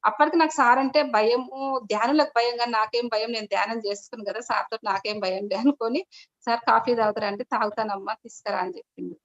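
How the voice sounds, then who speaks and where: A middle-aged woman with a higher voice talks quickly as she tells an online meeting about her meditation experience. Her story rambles, restarts frequently, and keeps returning to polite address, all through dull, low-fidelity video call sound.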